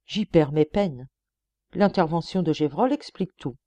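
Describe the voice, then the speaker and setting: A woman's voice: low-pitched, measured pace, dark tone, dry recording, muffled recording. A woman reading an earnest young detective. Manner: earnest, persuasive, emphatic. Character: young male police detective, shrewd and earnest.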